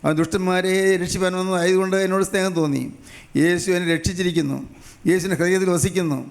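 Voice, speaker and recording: A man's voice: high voice, steady tone, quick pace. An older man preaching a fervent evangelistic sermon, piling up short repeated phrases and leading an altar-call prayer line by line. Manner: leads congregation in line-by-line prayer.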